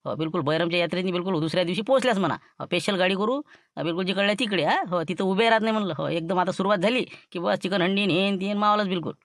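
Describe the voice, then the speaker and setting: A man's voice: high-pitched, rapid-fire, a bit bright, dry recording, clean studio sound. A man with a Varhadi Marathi accent playing a boastful schemer in a comic sketch, rambling about his plans. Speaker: scheming villager in a comedy skit.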